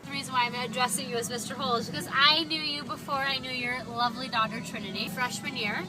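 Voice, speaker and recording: A woman's voice: high-pitched, steady tone, fast talker, low-quality recording. A woman, a former student, giving a playful, teasing tribute to her old teacher. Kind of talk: casual tribute speech.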